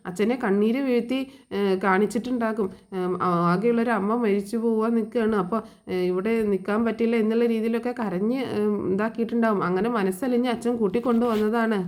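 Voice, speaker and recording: A scornful, suspicious woman of the house hurls quick, sneering accusations, as a woman narrator reads her lines. The delivery is fast and a little high, with no change from the narrator's everyday voice. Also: fairly even intonation, darkish tone, close to an everyday voice.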